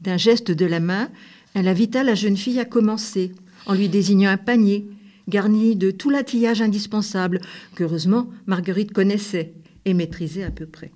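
A woman narrating a storybook. Her reading is gentle and measured, with a mid-range voice. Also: mid-range voice.

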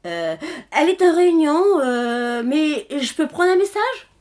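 A polite front-desk receptionist picks up the phone in a read-aloud novel, played by a woman. She sounds bright and cheerful. Her voice is high and lively. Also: unhurried. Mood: chirpy. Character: chirpy female library receptionist on the phone.

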